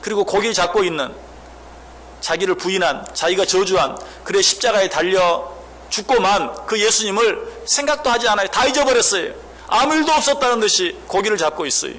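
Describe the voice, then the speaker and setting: Preacher: male pastor, somewhat high voice, sermon delivery with rhetorical questions, faint church room noise. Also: a bit bright. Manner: asks the congregation questions, acts out quoted speech.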